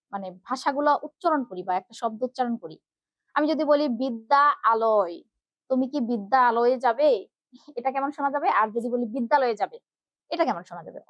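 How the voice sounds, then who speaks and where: A woman's voice: high voice, dry recording, muffled recording. A young woman teaching an online grammar lesson with a Bangladeshi Bengali accent. She explains step by step and keeps checking that students follow. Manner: explains step by step, often checks with "ঠিক আছে?". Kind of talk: online class lecture.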